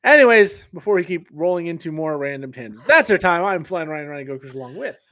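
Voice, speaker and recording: Animated ranting sports podcaster, man. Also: on the high side, a little fast, dry recording. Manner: animated, ranting, loud outbursts. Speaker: podcast co-host. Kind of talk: casual sports podcast chat.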